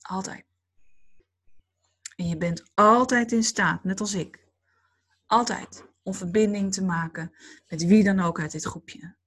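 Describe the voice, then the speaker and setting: A woman giving a spiritual talk to a group, speaking slowly and calmly in a dreamy, reflective way. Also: mid-range voice, husky. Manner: slow, calm, dreamy and reflective.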